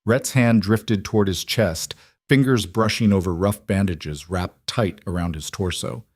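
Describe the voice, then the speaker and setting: A man's voice: deep voice, measured pace, darkish tone, no echo, clean studio sound. A man reading a dramatic western story as scripted narration.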